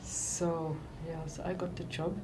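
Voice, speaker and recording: An older woman with a South African accent, speaking in a halting, reflective way as she recounts her life and work in an interview. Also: lowish voice, little pitch movement, background noise.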